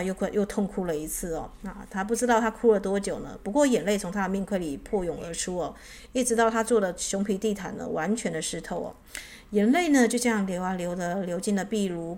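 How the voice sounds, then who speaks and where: A woman telling a story and adding spiritual commentary, trailing her sentences with drawn-out particles. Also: medium pitch, a little mellow.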